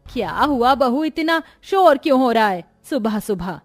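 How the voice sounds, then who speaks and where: A woman's voice: very animated, measured pace, faint music behind. A woman voicing a tired, scolding older mother-in-law in a cartoon. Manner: tired, scolding, lower and heavier voice. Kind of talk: cartoon voice acting.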